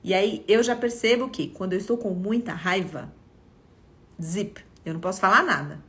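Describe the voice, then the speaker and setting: A woman's voice: mid-range voice, moderate pace, fairly bright tone. Brazilian woman explaining, chatty check-ins. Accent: Brazilian Portuguese. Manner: conversational, frequent "né?" and "tá?" check-ins. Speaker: parenting educator. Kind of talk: live-stream talk to parents.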